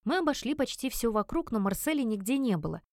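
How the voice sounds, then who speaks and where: A woman reading a first-person romance novel aloud as an audiobook narrator, with expressive, emotive storytelling. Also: on the high side, quick pace, dry recording, studio quality.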